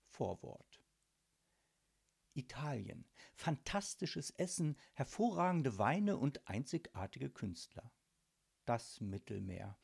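A man reading a children's storybook aloud with slow, theatrical narration. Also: mid-range voice, vocal fry, darkish tone.

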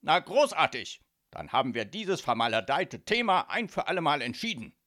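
A man voicing a loud, hot-tempered mafia boss father who blusters and bellows in a storybook reading. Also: mid-range voice, huge pitch swings, a little slow, vocal fry, breathy edge, no room sound, clean studio sound, exaggerated voice. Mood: satisfied.

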